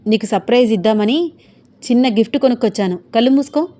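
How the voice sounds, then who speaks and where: A woman's voice: fairly high pitch, fast talker, mellow, lightly acted. A woman voicing an earnest, stubborn young man in love who argues with his family in a storybook reading. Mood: affectionate teasing.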